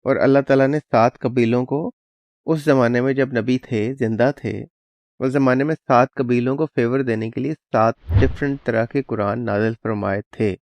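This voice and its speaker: A man with a mid-range, darkish voice and fairly even intonation hosts his channel, explaining a clip plainly and conversationally. He mixes English words into his casual commentary, and there's no echo.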